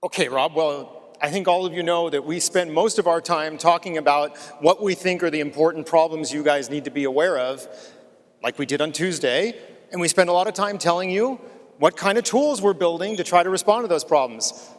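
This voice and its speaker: A middle-aged man, an executive on stage, answering questions with dry deadpan wit. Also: fairly high pitch, fairly quick. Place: large conference hall stage. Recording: echoey hall.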